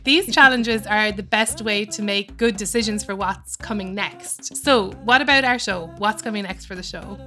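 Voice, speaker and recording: Bright Irish woman co-hosting a podcast. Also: mid-range voice, moderate pace, hardly any pauses, faint music behind. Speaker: podcast co-host. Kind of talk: casual podcast chat and scripted credits.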